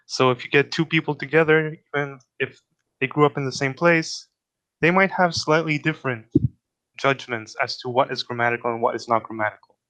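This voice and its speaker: A man's voice: mid-range voice, fairly quick, bright, forceful tone. A man giving a casual explanatory talk on linguistics, thinking aloud and correcting himself as he goes. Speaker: linguistics presenter.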